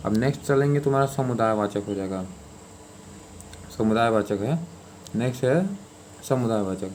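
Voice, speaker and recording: A man teaches a grammar lesson for exam students at a mid pitch, explaining informally and repeating himself. He keeps checking in with his listeners and fills his pauses. A faint noise sits under the recording. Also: a little mellow. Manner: informal, repetitive explaining with many fillers and "ठीक है".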